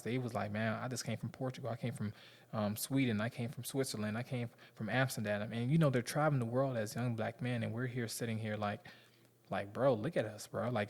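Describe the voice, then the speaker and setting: A man's voice: lowish voice, vocal fry. A man in his thirties with a Southern US accent, talking candidly and rambling to his viewers in slangy casual speech. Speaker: vlogger.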